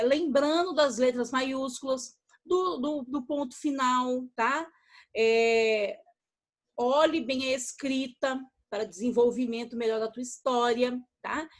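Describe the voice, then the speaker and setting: Brazilian woman, primary teacher; high, gentle and patient video-lesson delivery for young children. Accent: Brazilian Portuguese. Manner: patient, repetitive, checks in with "okay?" after each step; affectionate toward pupils, uses diminutives.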